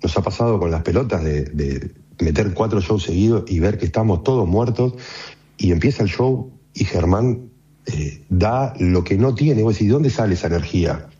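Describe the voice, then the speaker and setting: An Argentine man speaking in a relaxed, conversational way in a radio interview, with frequent fillers. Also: low voice, moderate pace, lo-fi sound. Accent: Argentine Spanish.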